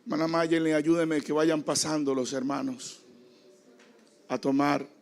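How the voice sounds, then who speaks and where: Man pastor preaching in a church, gravelly and fairly high, gets loud and theatrical. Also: steady tone, measured pace. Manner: dramatic preaching, acting out quoted voices, shouting peaks. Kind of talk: sermon.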